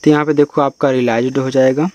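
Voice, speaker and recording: A man teaching an English reading lesson, spelling words out letter by letter and explaining them slowly. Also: mid-range voice, level tone, a little mellow, a little hiss or hum. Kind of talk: spoken language lesson.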